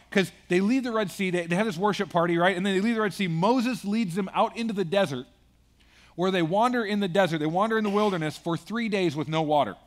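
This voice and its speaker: A man pastor preaching a sermon in a conversational way, with joking asides. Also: high voice.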